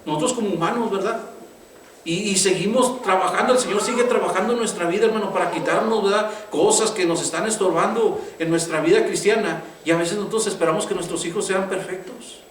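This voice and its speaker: A man's voice: high voice, fairly quick. A middle-aged man preaching a conversational sermon as pastor. He keeps calling his listeners brother and asking them "right?". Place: church sanctuary. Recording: echoey church room, mic at a distance, faint background hiss.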